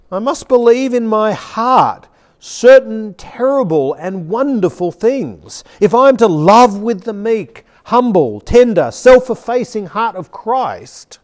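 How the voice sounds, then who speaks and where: A man teaching a class on preaching, reading a passage aloud with strong emphasis and slowing down on key words. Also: high-pitched, a little mellow. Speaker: preaching instructor. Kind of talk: teaching talk with a dramatic read-aloud. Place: seated at a chair.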